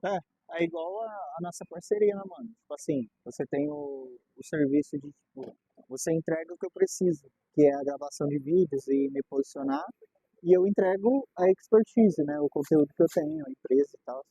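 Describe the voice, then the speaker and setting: A man's voice: on the high side, animated, brisk, dark tone, slightly rough, no room sound, rough recording. A young man with a Brazilian Portuguese accent, talking casually and readily agreeing with short, slangy replies. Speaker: business partner in the talk. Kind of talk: casual conversation.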